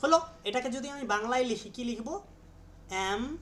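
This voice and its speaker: A man's voice: very high-pitched, quick pace, fairly bright tone, a little hiss or hum. A man teaching an English grammar class online, explaining step by step and repeatedly prompting students to pronounce and answer. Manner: patient, repeats each sound many times.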